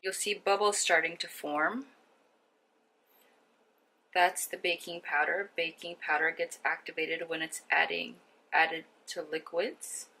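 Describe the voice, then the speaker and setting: A woman's voice: sits low, fairly even intonation, a little slow, vocal fry, pushed and bright, husky, poor audio. A woman hosting a cooking video, talking to viewers in a chatty, informal, step-by-step way. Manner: chatty, informal, addresses viewers as guys and friends. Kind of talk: casual cooking demonstration to camera.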